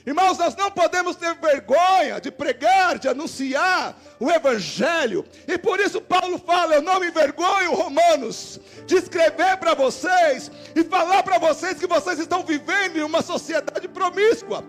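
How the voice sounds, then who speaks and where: A man with a Brazilian Portuguese accent, a pastor giving an animated sermon and acting out the dialogue in his stories. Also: very high-pitched, moderate pace, hardly any pauses, soft background music. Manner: animated preacher voicing quoted dialogue. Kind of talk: sermon with storytelling. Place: church service.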